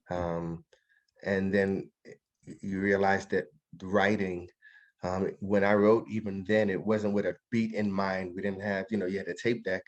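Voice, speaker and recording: Chill guy from new york, poet guest, really deep voice. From New York, family from Trinidad. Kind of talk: casual interview chat.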